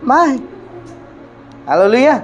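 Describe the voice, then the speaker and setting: A male pastor from India preaching a sermon emphatically, with frequent hallelujahs and swings between loud and hushed delivery. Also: extremely high pitch, very animated, takes it slowly, lo-fi sound, soft background music, a faint crowd.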